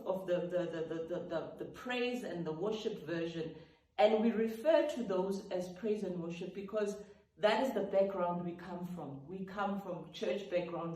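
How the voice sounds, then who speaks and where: A woman with a lowish, warm voice, a gospel singer-songwriter with Sotho as her first language, shares the story behind her song in a relaxed, reflective manner. She punctuates her talk with sung snippets and vocal sounds, and the distant mic picks up an echoey room.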